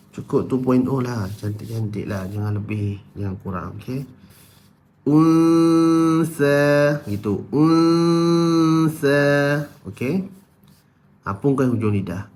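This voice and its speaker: A man with a Malaysian Malay accent teaching a tajwid lesson, explaining slowly and breaking into drawn-out, louder chanted recitation of examples. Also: fairly low pitch. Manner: addresses listeners as "tuan-tuan", checks with "okey?".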